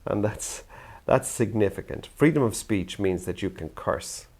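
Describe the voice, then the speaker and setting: This older Irish youth theatre practitioner speaks to camera in an earnest, reflective way. His fairly low voice is a little mellow, with lively intonation and a measured pace.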